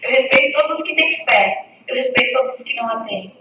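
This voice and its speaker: A woman reciting a poem in a measured, rhythmic way. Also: high-pitched, lively intonation. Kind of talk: poetry recitation. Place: university lecture room. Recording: echoey hall, distant, dull, noisy.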